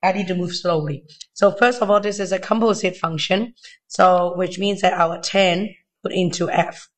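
Male maths tutor, high-pitched thin voice, weak from being unwell, informal step-by-step delivery. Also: fairly even intonation, moderate pace. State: unwell, weakened voice. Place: indoors at a desk.

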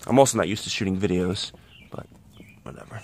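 With a low, slightly mellow voice and a slightly quick pace, a man explains a car part repair in his garage. He's a home mechanic recording a casual how-to vlog at a workbench under a tent, phone in one hand close to the work, and his tone is plain-spoken with a hint of apology.

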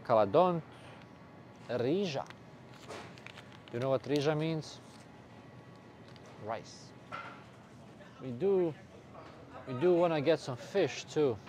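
A man's voice: a little high, animated, takes it slowly, long pauses, darkish tone. Man, jokey fitness vlogger, chatting to camera, noisy store ambience behind him. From Bosnia. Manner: playful, jokey, talks to camera. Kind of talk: casual vlog chat. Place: supermarket aisles. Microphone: handheld camera, filmed by cameraman. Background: shop ambience.

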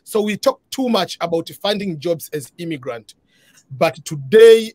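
A man's voice: high voice, darkish tone, no room sound. A middle-aged man hosting a live online interview from his living room over a video call, earnest and full of fillers. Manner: earnest, restarting, many uh fillers. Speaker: interview host.

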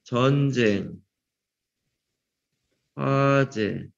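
A man's voice: mid-range voice, very slow, vocal fry. A man teaching an English grammar class to middle school students, quizzing them by name and teasing them with jokes. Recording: dull lo-fi sound.

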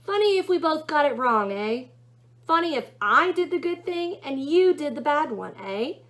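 Woman as a wry, high-voiced serpent demon. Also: sing-song, moderate pace, a bit bright. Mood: musing. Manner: sardonic, casual, musing. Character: wry, sarcastic male serpent demon, casually questioning. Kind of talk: storybook read-aloud character voice.

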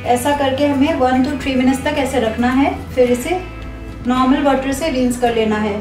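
In a small room indoors, a young woman vlogging about beauty gives a step-by-step tutorial on her hair care routine at a moderate pace. Her slightly high voice is calm and patiently instructive but sounds distant, since she's well back from the camera mic, and clear music runs underneath the entire time.

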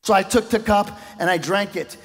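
A male pastor delivers a sermon with fervor, his voice climbing loud and then falling to a hush. His voice sits high for a man. The sound rings with the long echo of a large church sanctuary. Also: normal speed, faint music behind. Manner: impassioned preaching, voice swelling and dropping low.

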